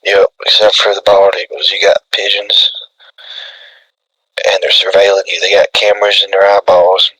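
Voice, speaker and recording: Guy doing a paranoid redneck radio host, folksy drawl, monotone, raspy n sharp. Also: low voice, moderate pace, low-quality recording. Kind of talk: improvised comedy radio role-play.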